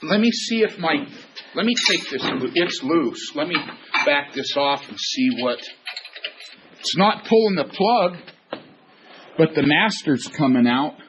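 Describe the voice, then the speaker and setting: A man's voice: on the high side, expressive, unhurried, long pauses, muffled recording. Plain-spoken man in a noisy shop. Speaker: co-worker in the shop. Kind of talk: casual shop talk. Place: workshop.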